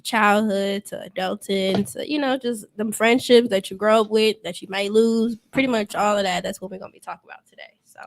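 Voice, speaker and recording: A woman's voice: mid-range voice, steady tone, a little fast, vocal fry, few pauses. A woman of twenty-one with speech, hosting casually and speaking directly to the audience. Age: 20s. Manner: upbeat, addresses the audience directly. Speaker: podcast co-host.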